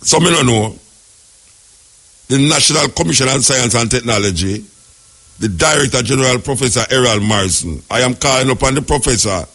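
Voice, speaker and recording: A man's voice: medium pitch, fairly bright tone, husky. A man with a Jamaican accent hosting a radio call-in show, opinionated and rambling, often repeating his words. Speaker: radio talk show host.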